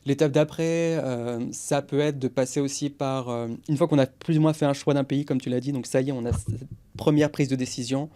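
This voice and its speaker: A man's voice: mid-range voice, steady tone, fairly quick, mellow. A man in his forties, a guest on a podcast interview, explaining go-to-market strategy with energy and English business jargon.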